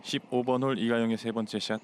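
A man working as a golf commentator, calling live tournament play in short, measured announcements. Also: medium pitch, fairly even intonation, a little hiss or hum.

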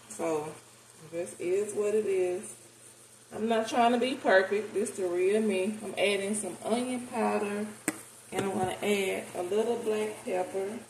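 With a creaky voice at medium pitch, an American woman cooks indoors at home and chats informally and candidly to viewers. She's a home cooking vlogger; the kitchen sounds roomy and there's noticeable background noise.

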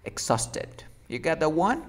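A man teaching an English lesson, coaxing a student and drilling words slowly with exaggerated English sounds. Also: on the high side, very animated.

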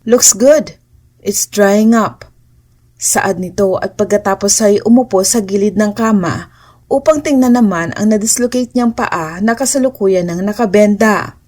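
A woman narrating an audio romance story in an even, measured storytelling manner. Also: mid-range voice.

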